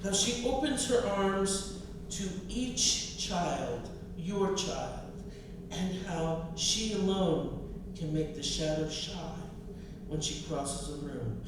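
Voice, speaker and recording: A woman who is a poet and professor gives a live poetry reading and talks with the audience, her lowish voice slow, expressive and firmly emphatic, with repetition for effect. She sounds distant in a very echoey indoor space with clear background noise.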